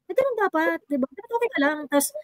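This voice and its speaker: A woman host chatting on an online panel, lively and chatty. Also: very high-pitched, quick pace, no room sound, clean studio sound. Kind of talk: casual online discussion.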